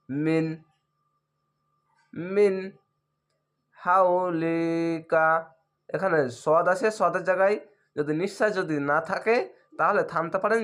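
Man slowly spelling out recitation. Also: fairly high pitch, fairly bright tone. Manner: drawn-out chanting of words between quick explanations. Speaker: Quran reading teacher. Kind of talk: slow spelled-out recitation lesson.

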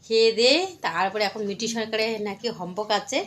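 Chatty slightly hoarse mother vlogging. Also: medium pitch, fairly even intonation, fast, fairly bright tone. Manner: chatty, narrates what she is doing and repeats herself. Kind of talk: casual vlog narration to viewers.

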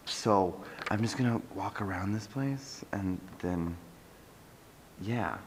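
Young guy half whispering to his camera in a big museum, low voice, dry little jokes. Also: takes it slowly, a little hiss or hum. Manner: quiet, half-whispered, wry. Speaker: travel vlogger. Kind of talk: hushed vlog narration in a museum. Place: large indoor museum hall. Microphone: handheld camera at arm's length.

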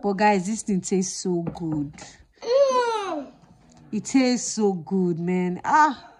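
A woman's voice: medium pitch, lively intonation, takes it slowly, a crowd in the background. Playful Nigerian woman with voices behind her. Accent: Nigerian English. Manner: playful, laughing, drops into pidgin phrases. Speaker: vlogger. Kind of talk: casual vlog chat to camera.

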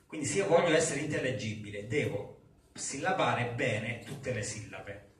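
Guy teaching english to a class, slow emphatic drills, recorded from the back of a really echoey room. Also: mid-range voice, expressive, fairly bright tone, distant mic, a little hiss or hum. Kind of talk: classroom lecture. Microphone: far recorder in the room. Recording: echoey classroom taped from afar.

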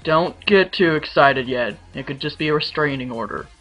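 Woman plays dry sarcastic barmaid, low and bright-edged. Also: normal speed, faint music behind. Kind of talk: fan audio drama.

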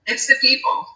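Slow-talking woman on a video call. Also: pushed and bright. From Virginia. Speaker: group participant. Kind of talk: casual group discussion on a video call. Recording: echoey, dull video call audio.

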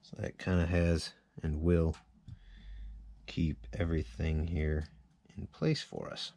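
Deep, mellow and steady, this man speaks slowly as he shows how to repair a chainsaw. He thinks aloud in a relaxed, hands-on way at a workbench in a cluttered workshop indoors.

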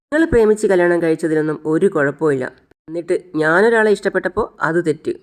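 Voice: mid-range voice, fast, close to an everyday voice. Narrator voicing a bitter defiant young bride. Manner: accusing, sarcastic.

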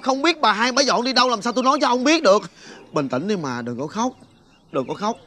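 A man's voice: very high voice, rapid-fire, sharp tone. Man acting a stammering evasive neighbor. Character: evasive middle-aged neighbor man, fumbling excuses. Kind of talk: comedy drama acting.

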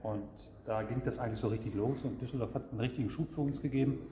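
A man's voice: medium pitch, very fast, dark tone, slight background noise. A middle-aged man explaining a product in a camper showroom, earnest and hesitant, with frequent fillers. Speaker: product seller, guest. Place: camper showroom, large indoor hall. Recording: roomy hall with long reverb.

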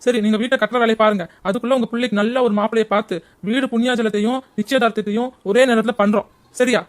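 A woman voicing a cheeky, bossy young village woman in a cartoon, brash and rapid-fire. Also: a little high, fairly even intonation, close to an everyday voice. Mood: consoling. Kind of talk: cartoon voice acting.

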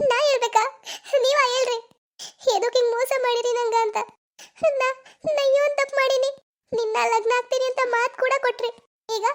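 A voice actor playing a betrayed young village woman with a North Karnataka Kannada accent in a cartoon, sobbing and pleading. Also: fairly bright tone. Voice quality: very high, sobbing pleas. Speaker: lover. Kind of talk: cartoon voice acting.

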